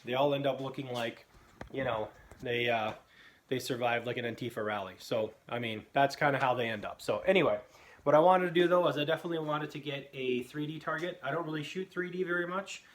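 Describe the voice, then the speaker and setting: A man's voice: medium pitch, brisk. A man casually presenting a product review vlog in an echoing basement, rambling and often restarting his phrases. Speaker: host of a bowhunting video channel. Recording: echoey basement room, noisy background.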